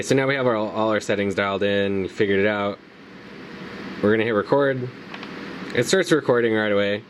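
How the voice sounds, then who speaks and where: A man's voice: on the low side, a little hiss or hum. A man giving a casual, laid-back tutorial as a motovlogger, talking informally with plenty of slang. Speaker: motovlogger presenting a gear tutorial.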